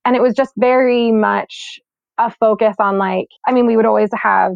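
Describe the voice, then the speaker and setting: This Swedish-born, New York-raised young climate scientist has a creaky, higher-pitched voice and a moderate pace. In a casual interview she's reflective and relaxed, using lots of "like" and "um." The lo-fi recording is dull, with no room sound.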